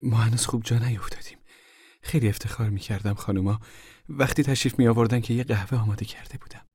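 A man's voice: lowish voice, steady tone, darkish tone, slightly rough, no room sound. A man voicing a humble, flustered middle-aged mother who is eager to please her visitors.

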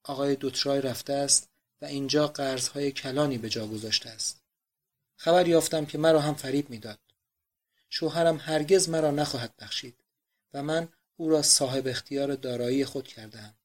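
A man's voice: medium pitch, natural voice. Man voicing a grieving remorseful countess. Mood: grieving, pleading. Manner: pleading, despairing, quiet.

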